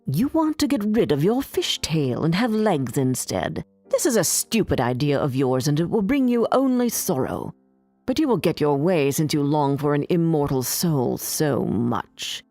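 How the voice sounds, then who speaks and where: A woman voicing a wicked old female sea witch, speaking slowly and low with a cold, threatening manner. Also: sing-song, mellow, dry recording, soft background music, full character voice. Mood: menacing.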